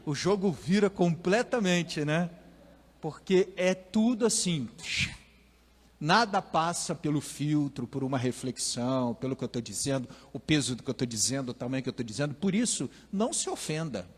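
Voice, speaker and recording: A man's voice: on the high side, expressive, normal speed, slightly rough. A man with a Brazilian Portuguese accent preaching a conversational sermon, acting out the voices he quotes. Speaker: priest. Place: church. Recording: long church reverb.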